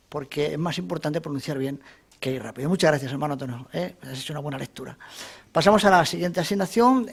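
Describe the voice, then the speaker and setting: A man's voice: high-pitched, gravelly. A man chairing a meeting, giving encouraging feedback on public speaking in a chatty way with frequent tag questions. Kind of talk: encouraging lesson commentary.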